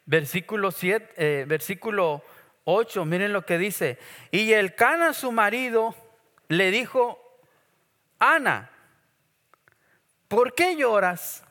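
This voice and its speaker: Male preacher, slow, bright and forceful delivery, jokey sermon style, long hall reverb. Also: high-pitched. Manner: lively, jokey preaching with acted asides. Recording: long echo of a church hall.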